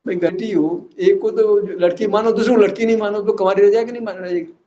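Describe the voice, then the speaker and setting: A man's voice: high voice, fairly even intonation, fairly quick, dark tone, highs cut off. A man giving a religious philosophical discourse, teasing his listeners with rhetorical questions and chuckling at his own points. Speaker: religious teacher.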